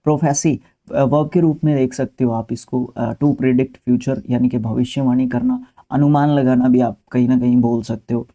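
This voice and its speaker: In a spelling lesson, a man with an Indian accent guides students through English words, talking to them directly and patiently. He keeps a moderate pace and a conversational tone full of fillers and asides, and his voice is very dark and mellow at a middle pitch.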